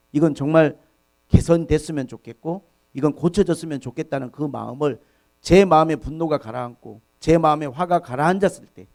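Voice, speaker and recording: A man's voice: a little high, a little mellow. A male pastor preaching a Sunday sermon at a church service. He speaks earnestly and with emphasis, addresses the congregation directly and repeats key words.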